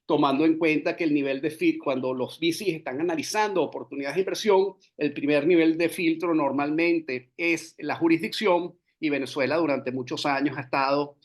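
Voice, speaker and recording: A man hosts a business podcast, speaking in fluent, flowing sentences that slip in English business terms. His voice sits a little high for a man. He pauses now and then on "eh" fillers. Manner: frequent "eh" fillers. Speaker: podcast host. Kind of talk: scripted interview introduction.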